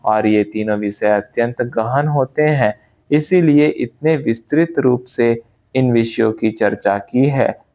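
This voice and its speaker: A man narrates a spiritual memoir as an audiobook, and his delivery is slow, calm and measured. His voice sits in an ordinary middle range. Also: medium pitch.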